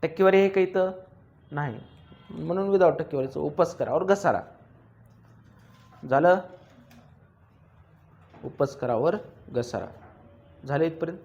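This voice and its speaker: A male commerce teacher, lecturing a class and drilling students with quick questions and teasing remarks. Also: a little high, darkish tone, dull audio.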